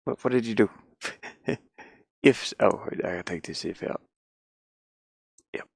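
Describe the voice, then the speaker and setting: This hobby game developer's voice is fairly low, creaky and husky, and he takes his time as he casually thinks aloud in short, muttered fragments while working on a game. The recording is dry and clean, with studio quality.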